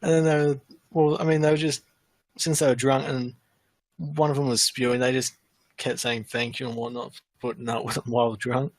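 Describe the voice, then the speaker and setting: A man's voice: medium pitch, little pitch movement, brisk, no room sound. A young man chatting casually on a podcast, rambling through anecdotes about drunk friends. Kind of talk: casual chat.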